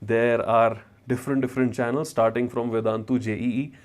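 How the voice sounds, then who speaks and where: On a livestream, a former chemistry teacher turned travel vlogger chats loosely with his viewers and answers their questions, moving between English and Hindi slang in a north Indian accent. Heard through a wireless mic, his mid-range voice stays level and runs a little fast.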